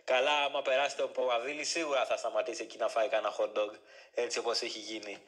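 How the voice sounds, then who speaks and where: A man's voice: medium pitch, level tone, a bit bright. A man with a mid-range voice calls in as a guest, chatting casually. He teases the host and boasts with a playful rival fan's swagger. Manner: teasing and boastful. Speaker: guest caller, rival fan. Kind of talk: casual chat.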